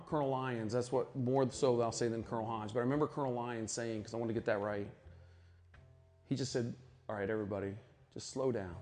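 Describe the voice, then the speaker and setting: A man's voice: mid-range voice, a little mellow. Earnest middle-aged man, conference speaker, reflective sermon delivery, faint music underneath. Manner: earnest, reflective, many restarts. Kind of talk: sermon-style talk at a conference.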